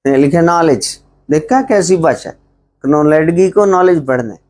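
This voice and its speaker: A man with a Punjabi accent teaching English to a live gathering in a relaxed, joking way. He asks the class questions, answers them himself, and slows right down to spell out English phrases. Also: fairly high pitch.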